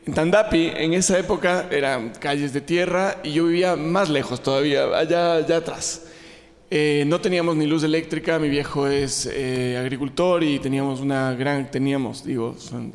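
Illustrator in his forties, from Ecuador, telling stories on stage with self-deprecating jokes; slightly high voice, big reverberant hall. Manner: joking, self-deprecating, frequent fillers and restarts. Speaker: illustrator giving a talk. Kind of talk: humorous public talk to a live audience. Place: large hall with an audience.

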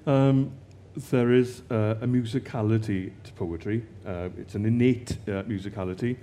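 Dark-voiced male interviewer. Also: fairly low pitch, steady tone, moderate pace, a little hiss or hum. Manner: hesitant, many fillers. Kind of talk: interview questions on stage.

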